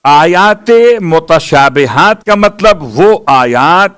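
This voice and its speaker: Male preacher, higher register, rhetorical sermon delivery with emphatic recitation. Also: expressive, a bit bright, clean tone. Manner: rhetorical, poses questions and answers them; recites Arabic verses with rising emphasis. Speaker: Shia preacher. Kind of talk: religious sermon.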